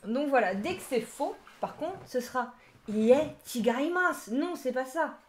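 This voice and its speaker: A woman's voice: sits high, lively intonation, moderate pace, a little mellow. Chatty woman teaching a live lesson. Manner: chatty, explains with lots of restarts and asides. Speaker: Japanese language teacher on a live stream. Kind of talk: casual live-streamed lesson.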